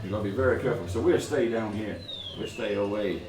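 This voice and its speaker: A man's voice: lowish voice, quick pace, a crowd in the background, natural voice. A man voicing a cautious sea captain for hire in a tabletop game, with a Cockney accent and a colloquial, hesitant manner. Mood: warning. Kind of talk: improvised tabletop role-play. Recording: roomy echo, music underneath.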